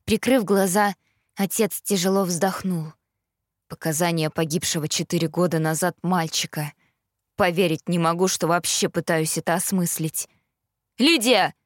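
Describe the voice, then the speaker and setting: A woman's voice: on the low side, moderate pace, no room sound, clean studio sound. A woman narrating a first-person novel, reading steadily as an audiobook narrator. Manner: steady storytelling read.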